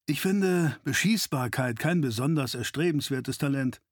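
A male narrator voicing a composed nobleman lawman who speaks with calm, dry understatement. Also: mid-range voice, unhurried, dry recording.

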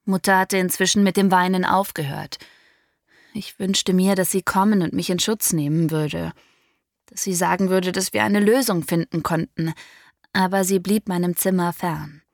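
A woman narrating an audiobook in a steady, subdued first-person manner, close to the mic. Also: fairly low pitch, moderate pace, gravelly, no echo.

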